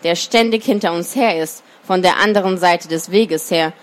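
A woman's voice: lowish voice, normal speed, natural voice. A woman voicing a terrified, tearful partridge in a storybook reading. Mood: frightened. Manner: shrieking, tearful. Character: terrified shrieking partridge mother.

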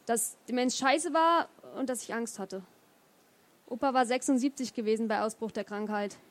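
A woman reading a novel aloud in first person, pausing to add hesitant comments between chapters. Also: a little high. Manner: hesitant fillers when talking freely. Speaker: reader of a novel.

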